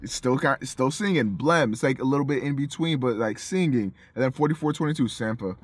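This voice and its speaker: Man, casual music review, husky voice, dry close sound, lively swearing delivery. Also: medium pitch, brisk, no room sound. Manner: animated, profane, mimics reactions. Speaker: co-host of a music review show.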